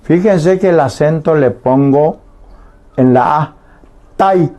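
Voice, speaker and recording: A man's voice: a little high, slow pace, warm tone. A man teaching a Guarani language lesson on the radio, patiently explaining and often checking that listeners understand. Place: radio studio.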